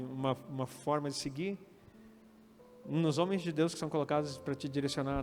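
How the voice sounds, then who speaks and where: A man's voice: on the high side, darkish tone. Brazilian guy preaching, pastor voice, quotes people and asks amen, big echoey hall. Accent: Brazilian Portuguese. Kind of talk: sermon. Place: church hall. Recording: reverberant hall with faint music.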